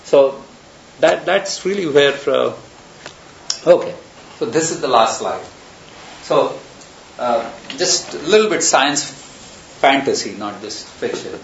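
A man's voice: medium pitch, lively intonation, slow pace, gravelly, pauses often. Man lecturing in a roomy, hissy hall. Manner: discursive, thinking aloud with examples. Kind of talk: university lecture. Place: lecture room. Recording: roomy, dull lecture recording with hiss.

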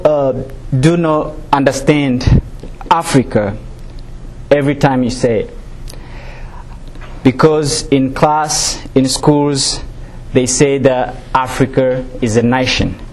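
His voice mid-range and darkish, a Rwandan man speaks as a student giving testimony. He sounds nervous, and his delivery is halting, full of fillers and false starts.

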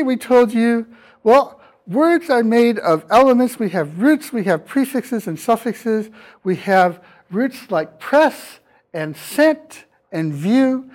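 Slow, deliberate male university lecturer. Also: sits high, darkish tone. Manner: questions the class, dry wordplay jokes. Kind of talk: classroom lecture.

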